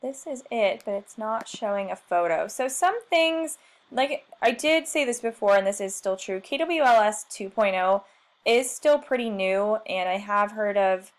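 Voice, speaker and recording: In a mid-range voice, a woman who trains people in marketing leads a software tutorial over screen share. She is talkative and self-deprecating, voicing her thoughts as she clicks through the steps.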